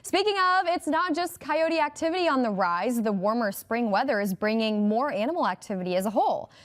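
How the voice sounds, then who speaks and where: Brisk woman news anchor. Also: fairly high pitch, expressive. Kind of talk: scripted news reading.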